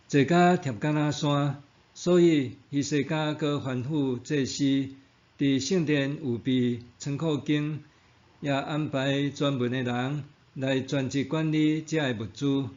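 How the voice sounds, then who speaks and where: A slightly dull, lo-fi recording of a man narrating a scripted devotional. He has a Taiwanese Hokkien accent and a middle-pitched voice. His delivery is very slow, formal and measured. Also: a little mellow.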